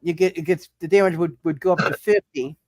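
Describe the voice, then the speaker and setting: His pitch a little high, a man leads a live tabletop superhero game, pausing often and repeating words as he reasons aloud. The recording is dry.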